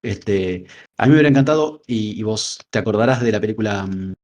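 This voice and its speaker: A man's voice: on the low side, a little fast, a little mellow, lo-fi sound. A man with a Rioplatense Spanish accent, co-hosting a casual film discussion podcast, rambling with frequent filler words. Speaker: podcast co-host.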